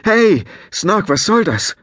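A man's voice: fairly high pitch, animated, fairly quick, no echo, studio quality, voice pushed up. A man voicing an earnest young giant boy in a children's audiobook, calling out eagerly and urgently.

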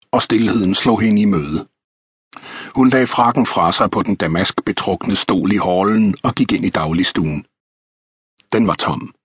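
A man reading a historical novel as an audiobook narrator, in a measured, even storytelling manner. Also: sits low, slightly rough, no echo, studio quality.

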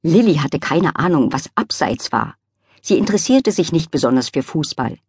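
A woman reading a children's audiobook aloud in an expressive, scripted narration. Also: sits low, normal speed, husky.

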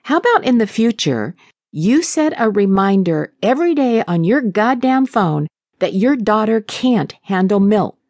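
Woman playing a sarcastic mother, exasperated, biting, lively pitch, dry close sound. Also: a little slow, no room sound. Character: angry, exasperated young mother.

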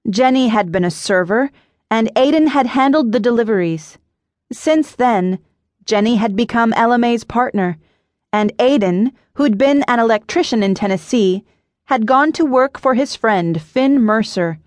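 A woman narrating an audiobook in a measured, even storytelling manner. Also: fairly high pitch, no echo, studio quality.

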